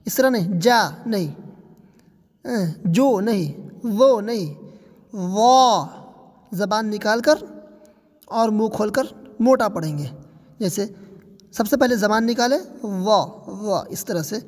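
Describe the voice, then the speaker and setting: A woman's voice: medium pitch, pauses often, a little mellow. Patient woman teaching letter sounds, reverberant. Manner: patient, stretches out each demonstrated letter sound; reassuring, repeats the right and wrong sounds. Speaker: Quran recitation teacher. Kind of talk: tajweed pronunciation lesson.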